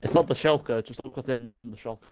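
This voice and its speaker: A man's voice: mid-range voice, fast, darkish tone. A man with a Welsh accent chatting casually with friends over voice chat while playing a game, joking and often trailing off mid-sentence. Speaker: gamer on voice chat.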